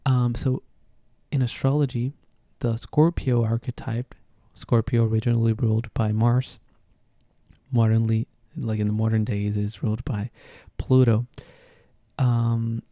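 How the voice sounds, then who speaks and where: Hosting a casual solo astrology podcast, this man, a native Spanish speaker with a Venezuelan accent, reflects aloud and frequently gropes for words. His mid-range voice is warm and level, a little slow, with no room sound.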